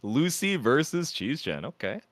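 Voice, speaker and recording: Male esports caster, bright tone, very animated pitch; analytical play-by-play with bursts of hype. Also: a little slow, no room sound. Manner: analytical, excitable, gamer slang. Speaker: esports commentator. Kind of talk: fighting game play-by-play commentary.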